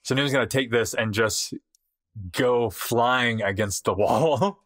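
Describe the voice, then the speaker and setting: A man acting as game master, narrating a tabletop game in a relaxed, hesitant way. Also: medium pitch, slow, dry recording, clean studio sound. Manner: relaxed, hesitant, many fillers.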